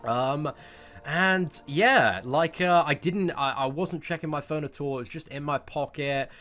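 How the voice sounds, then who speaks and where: Over soft background music, a man in his twenties who makes YouTube videos unhurriedly relates a personal story in a voice on the high side and a bit bright. He talks casually, curses, meanders, and repeats words to stress them.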